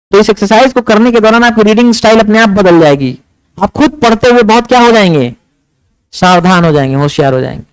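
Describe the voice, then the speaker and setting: High-voiced man teaching a class. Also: smooth, dry recording, poor audio. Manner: animated, asks the class questions. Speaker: English teacher. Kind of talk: classroom lecture. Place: classroom with students.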